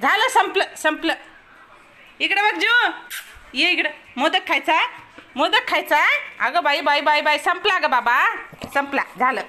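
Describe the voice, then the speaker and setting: A woman's voice: sits high, animated, unhurried, pauses often, bright, forceful tone. A woman talking to her dog at home, coaxing and scolding it in baby talk. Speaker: pet owner filming her dog. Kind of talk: casual talk to a pet. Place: home, indoors.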